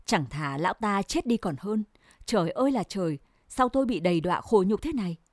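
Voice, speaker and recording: A woman's voice: medium pitch, expressive, a little fast, no room sound, clean studio sound, close to an everyday voice. A woman voicing a distraught young mother who is bitter and furious in a read-aloud story.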